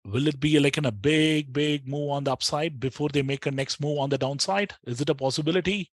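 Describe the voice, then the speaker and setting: A man's voice: on the high side, a little fast, no room sound, studio quality. A man with an Indian accent giving live trading commentary as a streamer, talking conversationally and straight to his viewers.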